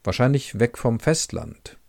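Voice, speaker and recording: A man reading the lines of a quiet, weary older father speaking softly and hesitantly on the phone, in a storybook reading. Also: medium pitch, animated, unhurried. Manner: soft, hesitant.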